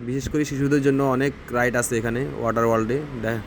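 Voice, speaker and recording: A man, narrating a travel vlog in a plain, steady guiding tone as he walks through an amusement park. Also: medium pitch, rapid-fire, slight background noise. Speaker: travel vlogger. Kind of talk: walking tour narration.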